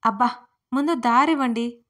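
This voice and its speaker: A woman voicing a feisty young female college student who protests loudly and indignantly. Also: a little high, a little fast, close to an everyday voice.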